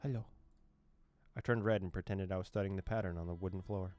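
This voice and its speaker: A young gaming YouTuber reads a visual novel aloud and translates its lines, joking playfully and laughing often. His deep voice moves quickly with fairly even intonation. The audio sounds dull, with faint music behind him.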